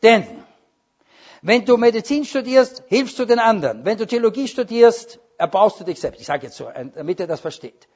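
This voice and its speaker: A man preaching a sermon, emphatic, with loud stressed words and quieter asides. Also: high voice, animated, normal speed. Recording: dull lo-fi recording.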